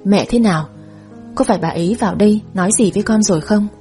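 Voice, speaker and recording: A woman voicing a gentle, hard-working father who soothes and reassures his daughter. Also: mid-range voice, fast, soft background music, lightly acted. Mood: concerned.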